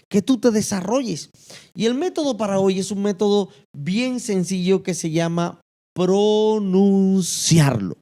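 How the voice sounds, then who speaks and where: A man's voice: high voice, a little mellow. A man with a Latin American Spanish accent, preaching as a pastor in a teaching sermon, stressing single words and repeating phrases.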